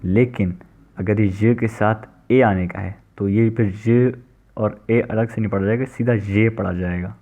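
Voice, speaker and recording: In a recorded language lecture, a male teacher speaks unhurriedly in a warm, steady tone at a fairly low pitch. Patient in his explanations, he checks in often and repeats "theek hai" frequently; the sound is tinny and phone-like.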